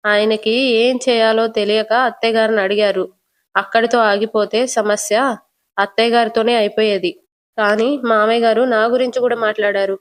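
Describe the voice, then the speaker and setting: A woman vlogger walking through the latest episode of a TV serial scene by scene. Her voice sits fairly high and her delivery is chatty and steady, like a friend recounting a story. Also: normal speed.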